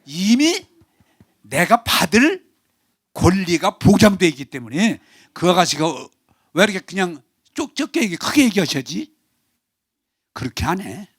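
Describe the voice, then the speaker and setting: High-voiced animated older Korean pastor. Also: male voice, measured pace, pauses often, breathy edge, no echo, studio quality. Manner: animated, acts out pleading voices, has congregation repeat phrases. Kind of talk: sermon.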